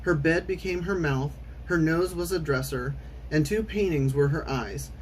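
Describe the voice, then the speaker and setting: A man reading a children's storybook aloud in an expressive, theatrical way with clear enunciation. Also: fairly high pitch, moderate pace, a little hiss or hum, poor audio. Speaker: storytime reader.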